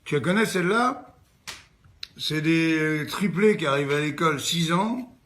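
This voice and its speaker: Guy telling jokes, chatty, high bright voice, takes his time. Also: normal speed, slight background noise. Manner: chatty, addresses the listener as "tu". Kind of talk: stand-up joke telling.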